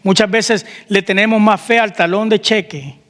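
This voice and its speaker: A man's voice: high voice, steady tone, normal speed, a bit bright, long reverb tail. A man preaching a sermon as pastor, asking the congregation questions and calling out amen. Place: church hall.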